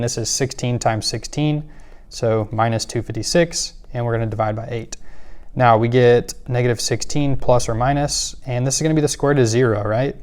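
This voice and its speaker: A man teaching a math lesson, walking through worked examples step by step with occasional fillers. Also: mid-range voice. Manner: steady step-by-step explaining with fillers.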